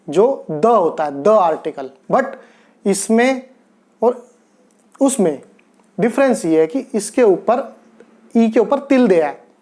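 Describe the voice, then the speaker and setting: A man leads a grammar lesson at an easy, unhurried pace. He works through each point step by step and repeats the key words so his learners can follow. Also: high voice, darkish tone. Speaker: Spanish teacher.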